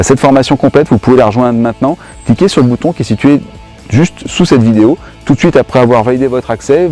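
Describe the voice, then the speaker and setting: A man's voice: medium pitch, warm tone. A man hosting a golf lesson, talking in a casual, hesitant, explanatory way. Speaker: golf course host. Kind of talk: casual instructional chat.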